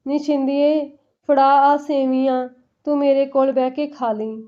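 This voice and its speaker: A woman voicing a sharp-tongued old village mother. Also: high-pitched, little pitch movement, unhurried. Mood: scolding. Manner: blunt, scolding tone. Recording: dull lo-fi recording.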